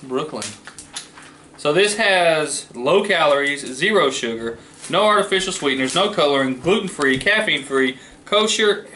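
A man's voice: on the high side, expressive, moderate pace, bright, forceful tone, a little hiss or hum. A man, a dad hosting a casual taste-test vlog, joking and reacting playfully as he talks.

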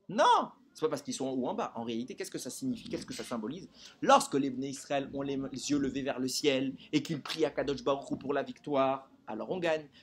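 A man's voice: mid-range voice, breathy edge. A man teaching a Torah lesson to a group, keeping listeners engaged with frequent rhetorical questions.

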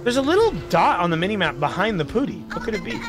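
A man's voice: high voice, wildly swooping pitch, fast. A young man giving casual, joking, sweary gameplay commentary as a streamer. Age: young adult. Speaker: game streamer. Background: game music.

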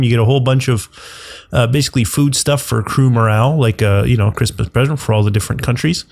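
Man, stuffed-up voice, casual game commentary, rambling, mid pitch, dry close sound. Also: a little mellow, no room sound. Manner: rambling, self-correcting, thinking aloud. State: congested from the flu. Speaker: gaming channel host.

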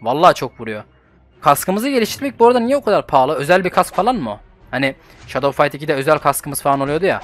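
A young channel host gives casual gameplay commentary, excitable and swearing, lurching from low muttering to shouting. He talks fast.

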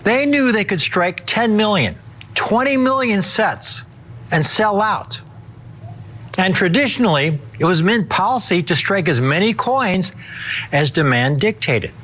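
American guy doing hard sell tv pitch, highish voice, really animated, punches key words. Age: middle-aged. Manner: emphatic, deliberate phrasing with dramatic stress. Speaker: TV coin pitchman.

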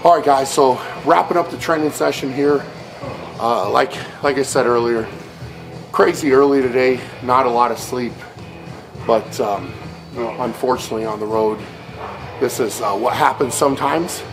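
A man's voice: medium pitch, moderate pace, music in the background, rough recording. A man in his thirties talking casually in a gym as a strongman vlogging his training, with hesitant, trailing phrasing. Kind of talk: casual chat. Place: indoor gym.

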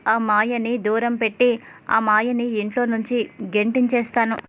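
Protective, reassuring young husband, read by a woman narrator, quick pace, high voice. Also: little pitch movement, highs cut off, natural voice. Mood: scolding.

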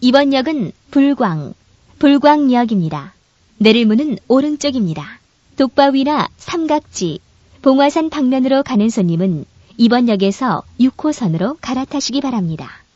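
Woman, train announcement over onboard speaker, formal and polite, fairly high, melodic delivery, dull dry recording. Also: lively intonation, a little mellow, no echo. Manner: formal, polite, evenly measured. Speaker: subway announcer.

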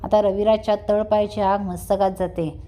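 A woman narrating a TV serial recap in a plain, even storytelling manner. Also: mid-range voice, moderate pace.

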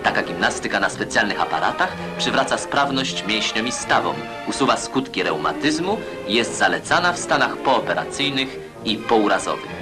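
A man's voice: lowish voice, animated, normal speed. A man narrating a 1950s newsreel as a voice-over, with a declamatory, emphatic announcer's delivery. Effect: old newsreel voice-over. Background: loud music.

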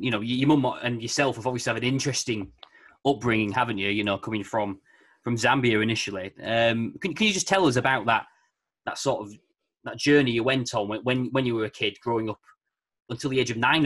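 A man's voice: medium pitch, a little fast, a bit bright. A young man interviewing a guest on a video call from his bedroom, asking long, leading questions into an earphone mic. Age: young adult. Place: bedroom at home, indoors.

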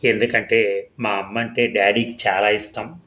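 A man's voice: lowish voice, level tone, moderate pace, a bit bright, close to an everyday voice. A man voicing a young girl who grieves for her mother, in a plaintive tone.

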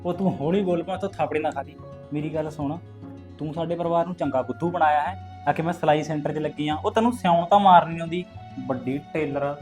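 An actor playing a scheming young man in a Punjabi village drama, hiding a secret marriage and urging others to keep quiet. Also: a little high, fast talker, soft background music, close to an everyday voice. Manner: pleading, hushing, urgent. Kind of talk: rural village drama acting.

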